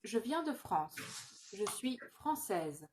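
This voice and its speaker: A woman's voice: mid-range voice, big pitch swings, slow pace, background noise. A woman reading scripted phrases for a language-learning video, enunciating each short line carefully.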